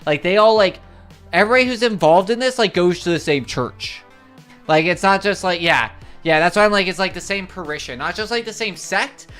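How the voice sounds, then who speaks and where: A livestream host tells a long story in casual chat, rambling with constant filler words and keeps saying how crazy it all is. The voice is smooth and clear at a middling pitch. Soft music plays faintly underneath. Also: brisk. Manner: excitable, repeats "it's crazy".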